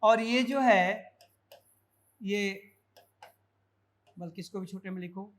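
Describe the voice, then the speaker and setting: A man's voice: high-pitched, takes it slowly, a bit bright. A man teaching an English lesson, quizzing his students with repeated questions and calling them child in a fatherly way. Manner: fatherly, calls viewers child; gets carried away with enthusiasm. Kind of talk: explanatory video lesson.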